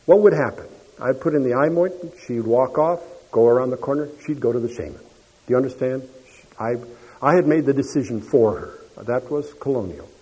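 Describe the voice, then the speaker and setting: Husky man speaking in a reverberant hall. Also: medium pitch, animated, moderate pace, mellow. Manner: earnest storytelling, wandering asides. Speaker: speaker at a church gathering. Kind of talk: public talk with stories. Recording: long reverb of a large hall.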